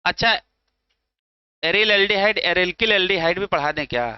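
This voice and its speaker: A man with a north Indian accent lectures on chemistry in a high, smooth, resonant voice. He speaks slowly and quizzes his students, then answers his own questions. The recording is dry and a little dull. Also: no echo. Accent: Hindi from north India. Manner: asks students questions and answers them himself; calls students beta and bhaiya. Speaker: chemistry teacher. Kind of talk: classroom lecture. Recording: slightly dull, dry sound.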